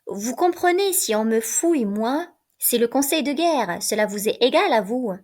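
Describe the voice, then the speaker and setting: A self-important male prison guard talks bluntly and grumbles, as a woman reads his part aloud. There is no deep put-on voice, just a plain reading with a gruff edge. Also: expressive, normal speed, darkish tone. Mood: grumbling.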